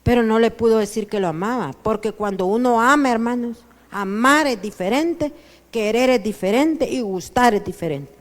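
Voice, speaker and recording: A woman pastor with a Honduran Spanish accent, preaching a sermon that swings between soft asides and loud declarations. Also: fairly high pitch, moderate pace. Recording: church hall with long reverb.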